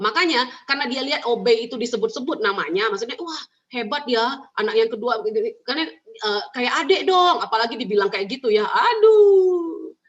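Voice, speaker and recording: Emphatic woman giving parenting advice, lo-fi. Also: a little high. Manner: emphatic and animated, repeating key points. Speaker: parenting speaker. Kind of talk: advice talk answering questions. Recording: muffled lo-fi recording.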